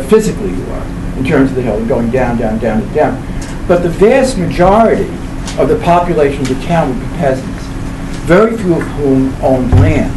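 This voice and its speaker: In a library event room, a man in his seventies gives a book talk at medium pitch, speaking haltingly and discursively with repeated phrases and self-corrections. The informal lecture is captured by a distant camera mic, so the audio is roomy and full of loud background noise.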